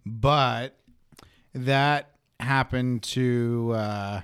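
A young man talks slowly on a podcast, telling a long story with a chuckle now and then. His voice is smooth and clean. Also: medium pitch, a bit bright. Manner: laughs while telling stories, restarts and fillers. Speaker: podcast guest. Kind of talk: casual conversation, storytelling.

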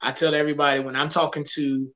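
A man's voice: on the high side, little pitch movement, fast, a bit bright, lo-fi sound. A man hosting a live talk show, chatting casually and energetically with his guest. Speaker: show host.

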